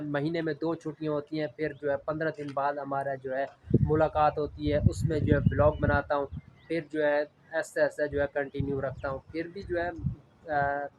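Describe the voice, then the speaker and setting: A man's voice: on the high side, a little mellow, highs cut off, a little hiss or hum. A man from Punjab, Pakistan, talking casually to camera as a vlogger, earnest and rambling with a repeated filler phrase. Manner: earnest, rambling, heavy use of the filler "jo hai".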